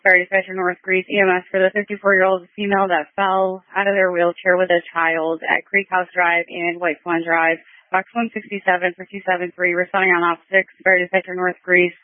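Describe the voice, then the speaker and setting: A man's voice: sits high, flat delivery, fairly quick, dry recording. A male emergency dispatcher reading out calls and unit codes in a clipped, businesslike way over two-way scanner radio. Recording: narrow tinny scanner radio.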